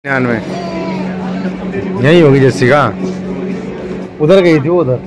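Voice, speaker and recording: A man's voice: mid-range voice, takes it slowly. A middle-aged man chatting with his family and hurrying them along in a shopping mall, filmed on a phone held at arm's length. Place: crowded indoor shopping mall. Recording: busy mall crowd noise behind. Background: crowd chatter.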